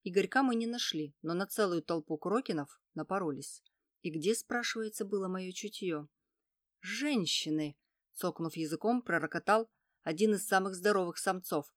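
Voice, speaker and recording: A woman narrating a first-person audiobook in a firm, brisk, steady manner. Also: on the low side, no echo, studio quality.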